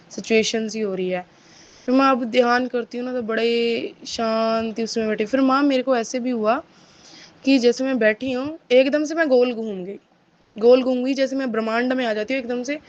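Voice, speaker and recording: A woman, reverently describing her meditation experiences to her guru in a halting, hesitant way, full of restarts. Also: a little high. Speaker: spiritual seeker sharing a testimony. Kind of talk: devotional testimony addressed to a guru. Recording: dull lo-fi recording.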